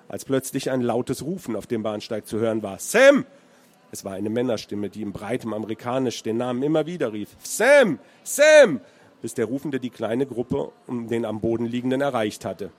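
A man's voice: medium pitch, fairly even intonation, brisk, darkish tone. A man from Hesse, a crime author, reading from his novel and then answering questions with many hesitant fillers. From Hesse, Germany.

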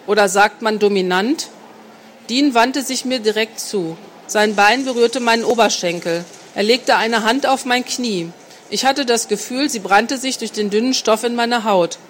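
A woman narrating an erotic novel in the first person, in an intimate, measured storytelling voice. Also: a little high, slight background noise. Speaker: audiobook narrator.

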